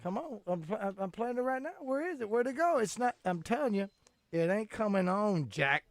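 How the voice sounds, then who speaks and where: A man's voice: high voice, lively intonation, brisk, faint music behind. A man co-hosting radio with folksy, repetitive, informal banter. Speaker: radio co-host.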